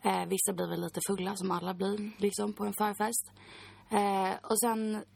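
A woman's voice: mid-range voice, little pitch movement, gravelly, darkish tone, slight background noise. A woman in her twenties, a podcast guest, recounting a personal story in a chatty way full of fillers.

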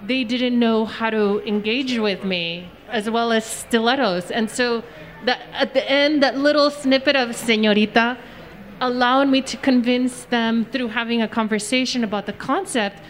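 A woman artist speaking on a panel, telling a personal story in an earnest, deliberate way. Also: a little high, fairly even intonation, a little hiss or hum. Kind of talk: storytelling in a live panel talk.

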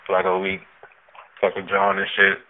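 A man's voice: low voice, completely flat delivery, normal speed, narrow, tinny audio. A laid-back young man chatting with friends, repeating himself and laughing easily. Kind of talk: casual chat among friends.

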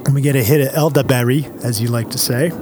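A man co-hosting a casual, comedic podcast, playful and quick to laugh. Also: mid-range voice, steady tone, noisy background. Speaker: podcast co-host.

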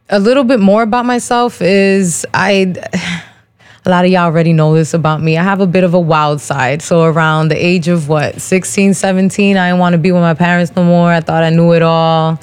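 A woman in her thirties with a fairly low voice talks straight to her listeners as a podcast host. She speaks candidly and casually, in slang, with plenty of "um"s between thoughts. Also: clear, resonant tone. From New Jersey, USA. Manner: candid, slangy, many "um" fillers. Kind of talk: casual personal monologue.

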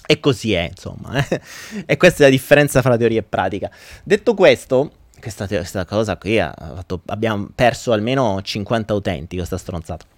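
A man hosting a live-streamed podcast, chatting and telling jokes in an animated way. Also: fairly low pitch, brisk, no room sound. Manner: animated storytelling. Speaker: podcast host.

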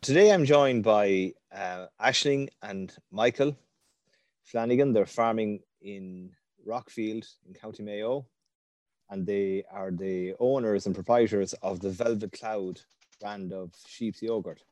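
A man's voice: on the low side, takes it slowly, darkish tone. A man with an Irish accent hosting an interview in a conversational style. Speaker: interview host.

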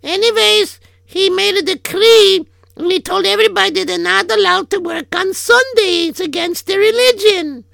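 A sharp-tongued, practical old-world wife, as a woman acts her out, always pointing out what's wrong. Her voice sits very high and crackles with heavy fry, bright and sharp. Dry and close, as in a comic radio play. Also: normal speed, dry recording, heavily acted. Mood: nagging.

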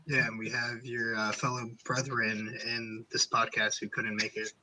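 A man's voice: medium pitch, flat delivery, normal speed, noisy background. A man hosting a podcast in casual chat, rambling and swearing a lot. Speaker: podcast host.

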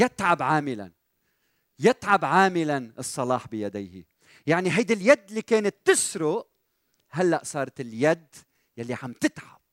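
A Lebanese pastor delivers a lively sermon in his local accent, putting questions to the congregation and pressing hard on key words. His voice sits a little high for a man. The recording is dry, with no room echo. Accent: Lebanese Arabic. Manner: animated preaching, quizzing the congregation with rising emphasis.

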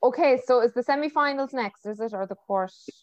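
A woman's voice: a little high, brisk, dry recording. A woman with a Mayo accent from the west of Ireland, hosting a casual, chatty podcast interview over a video call. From County Mayo, Ireland. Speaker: podcast host. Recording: dry, slightly muffled video-call audio.

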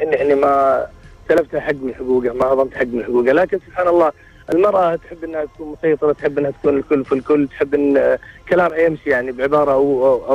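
Rambling man calling in fast. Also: on the high side, dry recording, lo-fi sound. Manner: rambling, searching for words, frequent restarts. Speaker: caller seeking marriage advice. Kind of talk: call-in radio conversation.

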